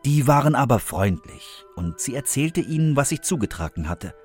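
A man reading a fairy tale aloud for children with expressive, lively storytelling. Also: medium pitch, normal speed, faint music behind. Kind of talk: scripted storybook narration for children.

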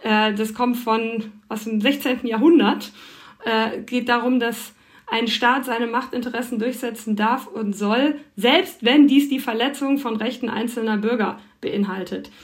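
A woman's voice: fairly high pitch, measured pace. A woman correspondent answering interview questions, thoughtful and explanatory, with frequent fillers. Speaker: foreign correspondent.

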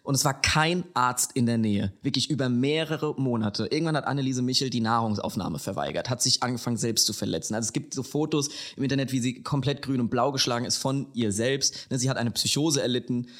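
A man from Lower Franconia in Germany, co-hosting a casual podcast chat and telling a story in an animated way that slows down for emphasis. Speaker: podcast co-host.

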